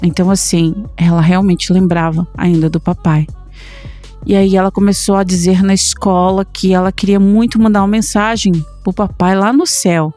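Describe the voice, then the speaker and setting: A woman with a Brazilian accent recounts her own supernatural experience as a mother, speaking in a halting, conversational way with many pauses and fillers. Her voice sits at an ordinary middle pitch. Quiet music plays faintly behind her. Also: little pitch movement. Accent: Brazilian Portuguese. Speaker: mother telling a personal account. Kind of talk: personal supernatural account.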